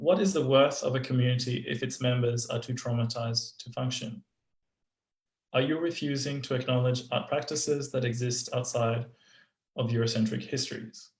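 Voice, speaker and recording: A man hosting a talk, reading out questions and prompting his guest in a soft, gently halting way. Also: medium pitch, echoey room. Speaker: host.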